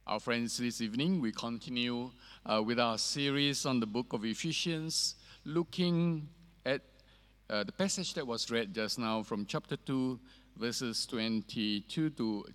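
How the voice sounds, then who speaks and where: Male pastor, mid-pitched, earnest and measured delivery, long cathedral echo on the voice. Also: a bit bright. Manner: measured, earnest preaching with hesitant fillers. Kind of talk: sermon. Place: church sanctuary. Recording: echoey church hall reverb.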